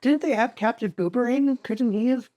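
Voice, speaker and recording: An off-camera companion tossing in wry, quiet asides during a casual chat. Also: mid-range voice, normal speed. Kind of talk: casual banter.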